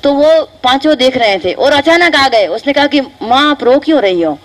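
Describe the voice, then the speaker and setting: A woman with a high voice tells a legend to children. She is lively and keeps stopping to ask her young listeners questions to keep them following. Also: normal speed, rough recording. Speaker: children's storyteller. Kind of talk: storytelling for children.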